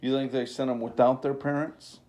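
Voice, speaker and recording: A man casually asking questions as an interviewer in a relaxed conversation. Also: mid-range voice, moderate pace.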